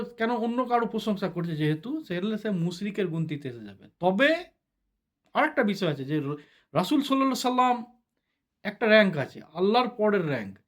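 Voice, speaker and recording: A man giving a sermon-style religious talk, explaining step by step and often checking with the listeners. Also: sits high. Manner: explains step by step, asks the listeners "ঠিক আছে?". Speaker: religious speaker.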